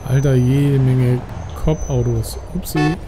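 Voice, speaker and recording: A man's voice: mid-range voice, fairly even intonation, takes it slowly. A man giving casual gameplay commentary as a let's player. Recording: loud game audio under commentary. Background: game car engine and street noise.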